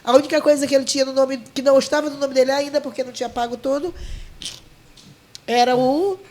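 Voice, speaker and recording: High-voiced woman. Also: steady tone, quick pace, a little mellow. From Maranhão, Brazil. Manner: heartfelt, full of restarts and quoted dialogue. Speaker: guest, leader of a folk dance group. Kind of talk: emotional storytelling.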